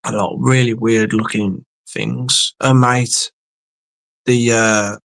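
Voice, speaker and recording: Male streamer, gravelly and mid-pitched, rambling and swearing casually as he reads chat. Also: flat delivery, slow pace, a bit bright, no echo. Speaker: livestream host. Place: indoor home studio.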